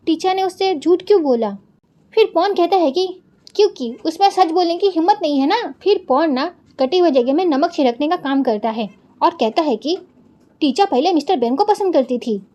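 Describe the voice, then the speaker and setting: A woman's voice: sits high, mellow. A woman narrating a drama recap in a chatty storytelling way, retelling each line of dialogue and adding her own asides to viewers.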